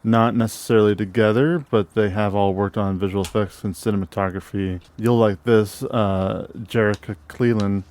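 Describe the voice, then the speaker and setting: A man co-hosting a casual movie podcast. He reads film credits haltingly, with many fillers and restarts. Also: on the low side, steady tone, a little mellow. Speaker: podcast co-host.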